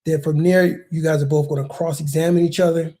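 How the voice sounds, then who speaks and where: Speaking a little fast in a steady, warm, fairly high voice, this man is a realtor presenting his own video. He lives near a big Texas city and explains a process casually and conversationally, repeating words and dropping "man" and "bro" often.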